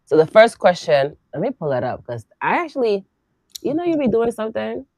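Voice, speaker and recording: A woman hosting a casual conversation, reflective and lively, laughing often. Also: medium pitch, fairly quick, no room sound. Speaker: podcast host and coach.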